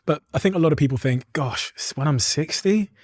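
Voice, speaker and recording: A man's voice: a little high, a little fast, slightly rough, no echo, studio quality. A man from the United Kingdom, hosting an interview and asking questions in a casual, conversational way. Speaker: podcast host.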